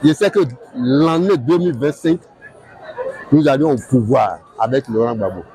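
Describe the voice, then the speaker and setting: A man's voice: medium pitch, moderate pace, slightly rough, low-quality recording. An older man speaking earnestly in a street interview at an outdoor tented rally. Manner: earnest, gestures while talking. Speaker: supporter at a rally. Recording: lively crowd noise outdoors.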